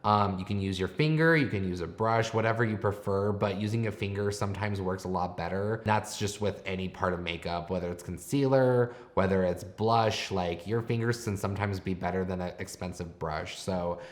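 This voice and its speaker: A man's voice: low voice, moderate pace, hardly any pauses. A man giving explanatory makeup commentary as a host, advising in a conversational tutorial style.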